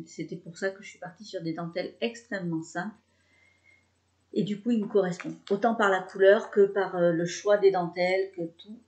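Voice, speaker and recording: Woman, 30s, from France, casual knitting podcast host, hesitant and chatty. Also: lowish voice. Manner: chatty, hesitant, many fillers and restarts. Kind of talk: casual chat.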